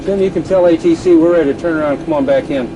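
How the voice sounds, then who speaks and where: A man acts out a demanding airline captain calling orders from a simulator cockpit during an engine emergency. His voice sits a bit high and he talks in rapid, nagging commands. A heavy drone of cockpit air and engines runs under everything. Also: background noise, close to an everyday voice. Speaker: airline captain in a training video.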